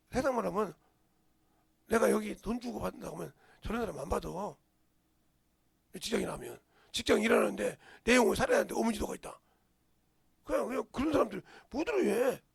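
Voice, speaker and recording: A middle-aged male pastor preaching a sermon in a church, dropping to whispers and bursting into shouts. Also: sits high, creaky, breathy edge, no room sound. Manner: swings from hushed whispers to sudden shouts. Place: church sanctuary.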